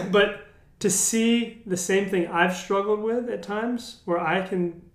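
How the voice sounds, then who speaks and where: A man's voice: high-pitched, takes it slowly, echoey room. A man in his thirties co-hosting a casual faith discussion, candid and self-deprecating, with many restarts. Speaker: podcast co-host.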